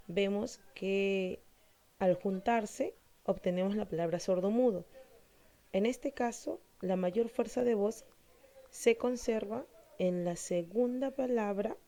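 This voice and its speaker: A woman teaches a grammar lesson in a warm, mellow voice of middle pitch. She speaks slowly and deliberately, asking her pupils questions and then answering them herself. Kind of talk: explaining a Spanish grammar lesson to students.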